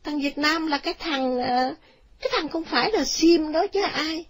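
A woman voicing an excitable older mother in a spoken story. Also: moderate pace, natural voice. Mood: stubborn. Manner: shrill, excitable. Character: older mother, shrill and fretful.

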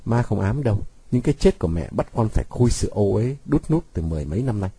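A man's voice: fairly low pitch, big pitch swings, quick pace, warm tone, slightly rough, no echo, full character voice. A man voicing a bitter, defiant young man who mocks his father with sweet sarcasm. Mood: mocking. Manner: sarcastic, cutting, sweetly mocking.

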